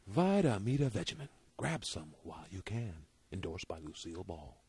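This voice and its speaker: A man's voice: low voice, sing-song, moderate pace, darkish tone, slightly rough, dry recording, full character voice. A man playing a 1950s TV announcer in a kids science show spoof, reading sponsor ads in a punchy, sing-song delivery. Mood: salesy.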